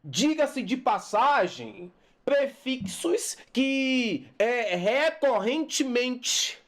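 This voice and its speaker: A man's voice: very high voice, sing-song, very slow, a bit bright. A man teaching a Brazilian Portuguese grammar lesson with a Brazilian accent, emphatic and repetitive, voicing his students' questions himself.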